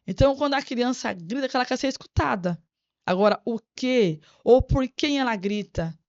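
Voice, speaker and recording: A woman's voice: a little high, expressive, normal speed, a little mellow, no echo. A woman guest on a podcast interview, an educator speaking in an earnest, reflective way and repeating words as she thinks. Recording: dry, slightly dull sound.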